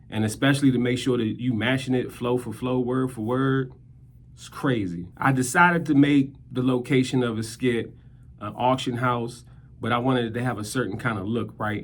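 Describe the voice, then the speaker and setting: A man, a skit creator and rapper, telling a casual story in a laid-back, slangy way. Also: lowish voice. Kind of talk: casual talking-head storytelling.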